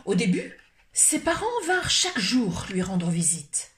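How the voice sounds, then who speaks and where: A woman storyteller at a library, reading a picture book aloud with expressive, lively delivery. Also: medium pitch, unhurried, roomy sound, noisy background.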